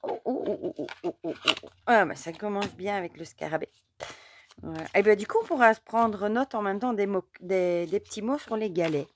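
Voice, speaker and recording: A hoarse mother, chatting in a rambling way as she hosts an oracle card reading. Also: mid-range voice, brisk, a little hiss or hum. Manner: chatty and rambling, many fillers. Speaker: oracle card reader, channel host. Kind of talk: casual chat during a card reading.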